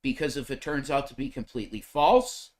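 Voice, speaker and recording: A man's voice: mid-range voice, brisk. A man co-hosting a stream, speaking emphatically and giving firm opinions in casual chat.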